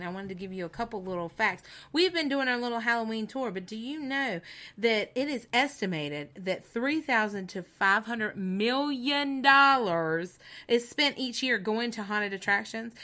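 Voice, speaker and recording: Excitable bright-voiced woman co-host. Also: fairly high pitch. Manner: excitable, laughs often. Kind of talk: casual chat.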